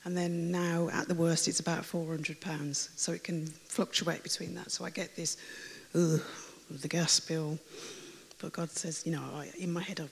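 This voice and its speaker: A woman with a raspy, croaky voice that always sounds like she has a cold, chattily telling her testimony to a church congregation, rambling with fillers and restarts. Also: on the low side, little pitch movement, normal speed, hardly any pauses. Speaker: church member giving a testimony. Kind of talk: personal testimony told to a congregation. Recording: long reverb of a large hall.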